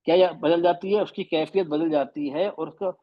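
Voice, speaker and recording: A man's voice: fairly high pitch, steady tone, moderate pace, lo-fi sound. A man teaching a class, patient, asking questions and repeating his points, mixing in English terms. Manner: mixes Hindi with English terms. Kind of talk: classroom lesson.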